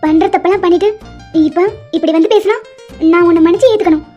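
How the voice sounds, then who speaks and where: A woman's voice: extremely high pitch, quick pace, warm tone. A woman playing an angry young mother who scolds and rejects the man who wronged her. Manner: scolding, exasperated. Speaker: female lead. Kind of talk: animated love-story dubbing. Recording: dull lo-fi audio with faint music.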